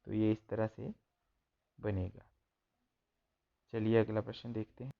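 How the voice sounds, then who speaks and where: Guy teaching a textbook lesson real slow, reads a line then repeats it, muffled lo-fi sound. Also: fairly low pitch, level tone, gravelly. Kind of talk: explaining a school textbook lesson.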